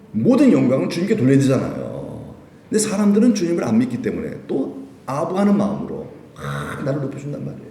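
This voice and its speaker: A man's voice: medium pitch, mellow, echoey room, recorded from a distance. A male pastor giving a chatty sermon at a midweek prayer meeting, putting many questions to his listeners. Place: church sanctuary.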